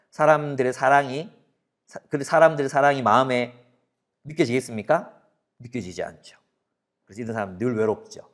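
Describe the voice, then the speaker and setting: A man in his forties preaching a sermon as a pastor, asking the audience questions and acting out everyday quarrels. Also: medium pitch. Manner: animated, asks the audience questions, acts out quarrels.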